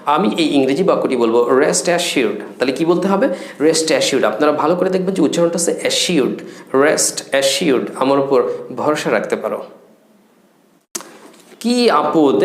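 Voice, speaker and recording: A man with a slightly high voice gives a spoken English lesson in Bengali, drawing out each English phrase and repeating it carefully. His voice rings in an echoey room. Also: gravelly. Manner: repeats English phrases slowly and carefully, lively teacherly talk. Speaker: English teacher.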